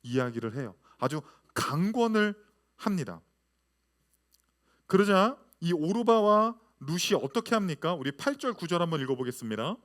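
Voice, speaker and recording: A man in his thirties, a pastor, preaching a lively sermon full of rhetorical questions to his congregation. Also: a little high, normal speed.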